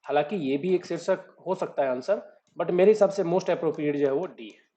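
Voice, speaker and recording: A man's voice: fairly high pitch, normal speed, mellow. Man tutor going through exam answers. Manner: reads each question, then explains the answer step by step. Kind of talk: exam solution walkthrough. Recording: dull lo-fi recording.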